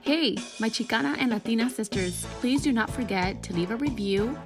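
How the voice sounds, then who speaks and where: A woman's voice: fairly high pitch, moderate pace, reverberant, loud music behind the voice. A woman hosting a podcast interview, chatty and friendly, switching between Spanish and English. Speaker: podcast host. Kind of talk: bilingual casual podcast interview.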